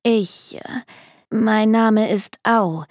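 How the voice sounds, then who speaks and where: A woman's voice: on the high side, very slow, a little mellow, no echo, studio quality. A woman voicing a determined, grieving young woman who asks a detective for help, earnest and pleading.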